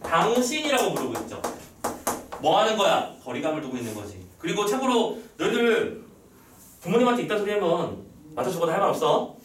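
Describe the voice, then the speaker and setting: A male teacher giving an online lesson, quizzing his students with quick rhetorical questions and acting out lines from the text. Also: high voice, big pitch swings, a bit bright. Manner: reads the text's lines aloud in acted voices. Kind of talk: online lecture. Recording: roomy echo, a little far from the mic.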